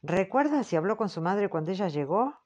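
A woman reading the part of a formal man questioning a witness, slow and patient. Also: mid-range voice, sing-song, a little mellow. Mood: probing. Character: measured male examiner, formal and patient. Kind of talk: audiobook character reading.

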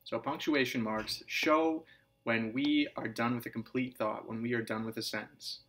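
This is a man teaching a recorded writing lesson to kindergarten and first grade children. He speaks clearly and patiently, repeating each point and addressing the kids as scholars. When he reads example sentences, his voice lifts into a lively, sing-song emphasis. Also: medium pitch, normal speed.

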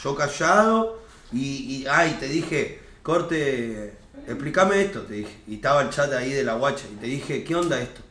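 A man's voice: medium pitch, normal speed, a little hiss or hum. A young man with an Argentine Rioplatense accent, telling an anecdote in casual chat and acting out the quoted lines with lots of slang. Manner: animated, slangy, acts out quoted dialogue. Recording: echoey room.

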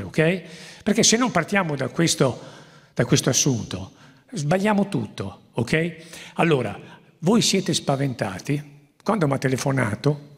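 Gravelly man moderating in a theatre. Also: medium pitch. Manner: emphatic, exhorting the audience. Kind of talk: public talk at a conference. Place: theatre stage before a large audience. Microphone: handheld microphone. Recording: long theatre reverb.

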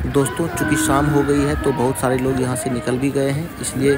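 A man's voice: mid-range voice, level tone, a little fast, loud music behind the voice. A man narrating a casual travel vlog at a riverside picnic spot, talking to viewers like friends. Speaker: travel vlogger.

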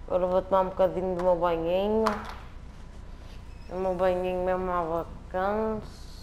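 Playing a video game, a man with a European Portuguese accent jokes around in slangy, repetitive casual commentary. His high voice has little pitch movement, a normal speed and a slightly mellow quality, with dull audio and slight background noise.

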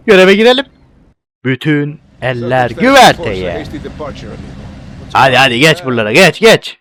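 A young man casually commentating a video game, excitable and bantering, often shouting at what happens on screen. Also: on the high side. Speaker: gameplay video host.

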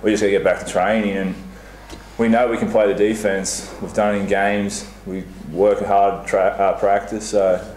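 A young basketball player answers press questions in a steady, matter-of-fact voice. His tone is low and very even. The room adds an echo over a faint hiss. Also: moderate pace. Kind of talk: post-match press conference. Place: small press room before a sponsor backdrop. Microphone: table mic on a stand.

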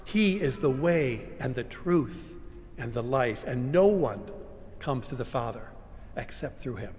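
An older male pastor delivers a sermon at a pulpit, moving between forceful cries and near-whispers. His mid-pitched voice rings with the long reverb of a large church sanctuary. A faint hum of the room sits underneath. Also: expressive, a little slow. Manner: dramatic, swinging between loud cries and hushed whispers.

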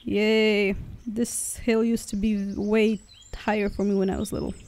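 Here the same Polish travel vlogger talks at a slightly slow pace, her medium-pitched voice flat and somewhat dark. She's riding through a forest in a car, narrating her vlog in a loose, rambling way and fixing her own words as she goes.

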